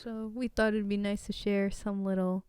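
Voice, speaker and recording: A woman's voice: medium pitch, little pitch movement, moderate pace, a little mellow, clean tone, no echo, clean studio sound. A woman co-hosting a podcast, chiming in with short teasing remarks in casual chat. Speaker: podcast co-host.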